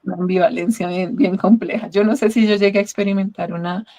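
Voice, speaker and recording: A woman's voice: medium pitch, fairly even intonation, fast, mellow. A middle-aged woman, earnestly telling her own testimony in an interview, often checking in with "¿sí?". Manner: earnest, reflective, often asks "¿sí?". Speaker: guest sharing a testimony.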